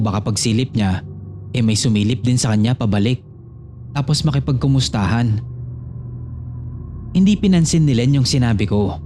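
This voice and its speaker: Guy reading a scary listener story, mellow dark voice, quiet music in the background. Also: medium pitch. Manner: storytelling, reads a listener's letter addressed to the host. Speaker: horror story narrator. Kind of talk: scripted horror narration.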